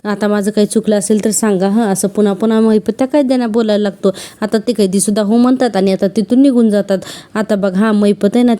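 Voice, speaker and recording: A woman's voice: medium pitch, warm tone. A woman narrating a TV serial episode recap in a chatty storytelling way. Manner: chatty storytelling, voices the characters.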